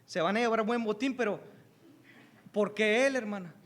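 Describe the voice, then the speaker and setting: A man preaching a sermon as pastor, building emphatic repeated phrases and calling out to the brethren, moving between hushed low passages and loud climaxes. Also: moderate pace.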